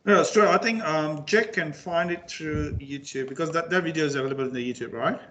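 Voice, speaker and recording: A man's voice: fairly high pitch, a little fast, fairly bright tone. A man talking casually and hesitantly on a video call. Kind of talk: casual chat. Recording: dull, slightly noisy call audio.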